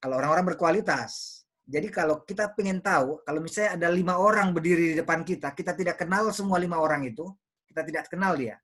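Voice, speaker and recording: Man, public speaking coach, motivational talk, husky, fairly high voice, repeats his points. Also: quick pace, fairly bright tone. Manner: didactic, repeats key phrases, acts out examples.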